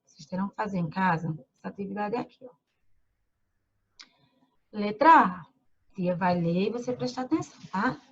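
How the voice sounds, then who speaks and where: A woman's voice: medium pitch, husky, lo-fi sound. Brazilian woman teaching small kids. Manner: reads slowly, names punctuation aloud, asks children questions. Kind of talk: remote lesson for young children.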